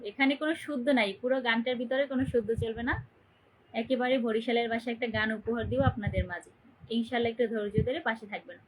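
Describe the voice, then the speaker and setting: A woman's voice: on the high side, quick pace, slight background noise, poor audio. A young woman from Bangladesh hosting a phone livestream, greeting viewers by name and cheerfully urging them to comment and share. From Barisal, Bangladesh. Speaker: livestream host. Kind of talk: casual livestream chat.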